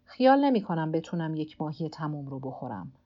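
In an audiobook, a woman voices a weary old fisherman alone at sea, muttering stubbornly to himself and to his cramped hand. She speaks deep and sing-song, and the audio has its highs cut off.

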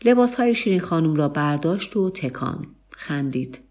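Low voiced woman reading a story aloud, calm and measured. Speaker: narrator.

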